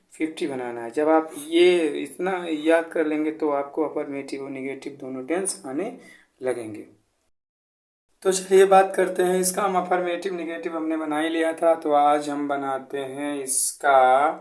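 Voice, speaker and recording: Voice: medium pitch, a little mellow. An English grammar teacher explaining tenses, spelling words letter by letter and answering their own quiz questions. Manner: patient, repetitive teaching. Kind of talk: Hindi-language grammar lesson.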